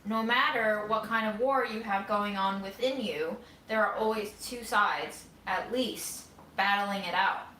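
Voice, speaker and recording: A woman in her thirties talks candidly and wryly as she cooks, her bright, forceful voice wandering from one thought to the next. She sits a little back from the mic, and the kitchen lends a roomy echo. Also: mid-range voice, a little slow, few pauses, a little hiss or hum. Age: 30s. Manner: candid, rambling, wry. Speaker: vlogger caring for her grandmother. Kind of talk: casual musing while cooking. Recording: roomy sound, mic at a distance.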